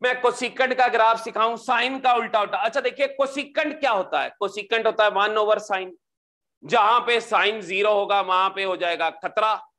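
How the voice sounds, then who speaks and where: High bright-voiced man teaching maths. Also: measured pace. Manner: animated, repeats "ठीक है जी", mixes English into speech. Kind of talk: classroom lecture with pep talk.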